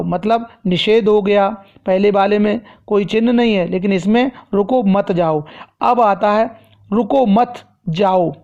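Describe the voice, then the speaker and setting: A man teaching a grammar lesson in a measured, explanatory way, repeating key phrases, in a dull lo-fi recording. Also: high-pitched, warm tone.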